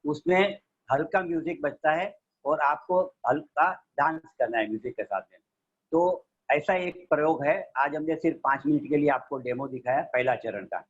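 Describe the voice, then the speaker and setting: A man's voice: fairly high pitch, slightly rough, lo-fi sound. A man explaining a meditation practice step by step to a group on a video call. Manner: steady, explanatory, mixes English terms. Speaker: meditation teacher.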